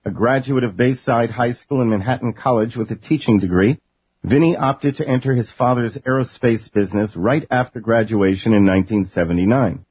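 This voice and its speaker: A man from New York hosting a broadcast interview, reading a measured introduction and asking questions. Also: mid-range voice, husky, dry recording, dull audio. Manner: measured announcer delivery. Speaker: radio host.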